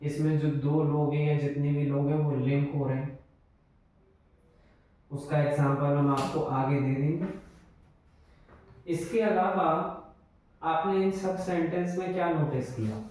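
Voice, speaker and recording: A man teaching English grammar in a slow, explanatory way, repeating his examples. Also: fairly high pitch, steady tone, dark tone, slight background noise. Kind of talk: classroom lesson in Hindi. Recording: very echoey room, voice from far off.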